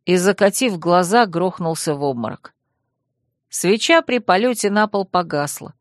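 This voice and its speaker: A woman reading a first-person fantasy novel aloud in an even storytelling manner. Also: fairly low pitch, normal speed, dry recording, clean studio sound. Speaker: audiobook narrator. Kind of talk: scripted first-person narration.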